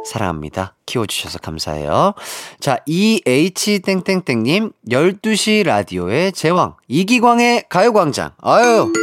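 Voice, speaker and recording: A man's voice: fairly high pitch, dry recording. A man hosting a radio quiz, joking playfully as he reads out listener messages. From Jeolla, South Korea. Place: radio studio. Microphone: studio microphone.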